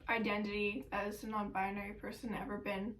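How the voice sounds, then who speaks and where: A woman's voice: medium pitch, level tone, a bit bright, far from the mic, a little hiss or hum, low-quality recording. A young woman asking her younger sibling interview questions in a casual way, with many fillers like "um" and "like". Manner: slow, filler-heavy with "like".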